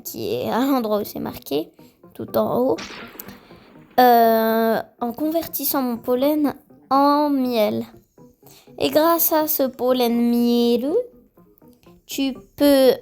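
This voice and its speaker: A woman talks through a game in a loose, chatty way. Her voice sits a little high and has a gravelly, creaky edge. Faint music plays behind her. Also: a little mellow, rough recording. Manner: chatty and rambling, full of fillers, drops in English words. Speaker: gaming video creator. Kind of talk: casual gameplay commentary.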